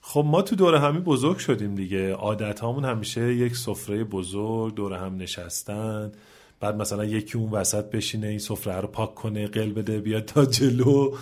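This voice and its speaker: A man's voice: on the low side, darkish tone. A man hosting a show, telling a humorous story in a conversational way. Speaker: host and storyteller. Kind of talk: narrated storytelling.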